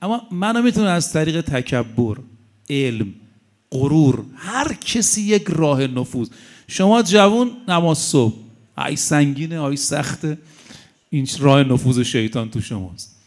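Animated middle-aged male preacher. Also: fairly high pitch. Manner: animated, storytelling with humor and asides. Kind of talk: sermon.

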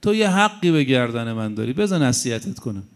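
A preacher voicing a wheedling Satan. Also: male voice, mid-range voice, very animated, voice pushed down. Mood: coaxing. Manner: wheedling, cajoling. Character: Satan, a scheming spirit coaxing and pleading.

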